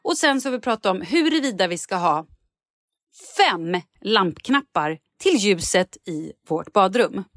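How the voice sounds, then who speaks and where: A woman's voice: mid-range voice, animated, a bit bright, no echo, clean studio sound. A woman co-hosting a casual chat podcast, telling stories animatedly, acting out scenes and swearing freely. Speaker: podcast co-host.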